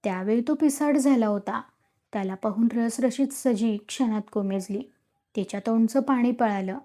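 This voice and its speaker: A woman's voice: a little high, moderate pace, dark tone. A woman storyteller reading a village story aloud with dramatic, vivid narration.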